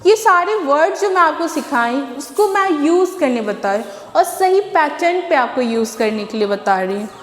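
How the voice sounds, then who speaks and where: A woman's voice: sits high, expressive, normal speed, hardly any pauses. A woman teacher from India giving an online English phonics class, patiently repeating words and asking rhetorical questions. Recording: echoey room with long reverb.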